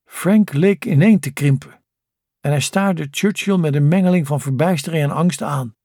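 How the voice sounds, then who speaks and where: A man narrating a novel as an audiobook in calm, even scripted storytelling. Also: fairly high pitch, normal speed, no echo, studio quality.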